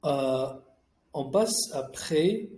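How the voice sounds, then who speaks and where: A man's voice: fairly high pitch, animated, very slow, darkish tone. A man teaching French grammar, explaining each rule in French and then in English and reading out example sentences. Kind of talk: classroom-style grammar lesson. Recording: echoey room.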